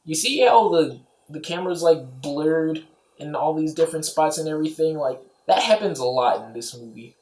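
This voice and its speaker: A man offers an offhand movie review, rambling along and peppering his talk with "you know" and "like." His voice is a little high and a little mellow, with lively intonation and a moderate pace. It sounds like a roomy, echoey home recording.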